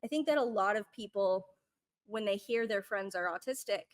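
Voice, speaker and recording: A woman speaking candidly as a podcast guest, rambling and earnest, with frequent restarts and sudden jumps in pitch and loudness. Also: moderate pace.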